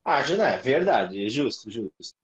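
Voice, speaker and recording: A young man, telling school stories on a podcast with animated swearing and sudden pitch leaps. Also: moderate pace, a loud crowd. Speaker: podcast host. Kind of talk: casual storytelling chat. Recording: dull lo-fi audio.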